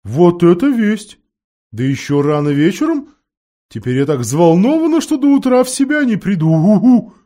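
A man voicing a fussy, excitable female owl that hoots and exclaims. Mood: excited. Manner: high hooting exclamations, drawn-out words.

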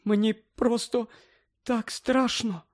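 A man voicing a distraught middle-aged mother witch, sobbing and pleading in a shrill, high voice. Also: flat delivery, takes it slowly.

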